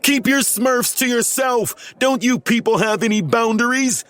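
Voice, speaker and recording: A man's voice: extremely high pitch, measured pace, fairly bright tone, a faint crowd, pitched above the performer's own voice. A man voicing a small, frightened, clumsy male smurf who exclaims in panic in a children's story. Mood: indignant panic.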